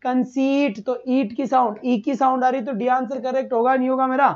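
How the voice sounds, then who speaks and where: In a live online lesson preparing students for exams, a male teacher speaks at normal speed with an extremely high pitch and a steady tone. He repeats each answer, uses rhetorical questions and refers to his students as "beta." The stream sound is slightly dull and lo-fi.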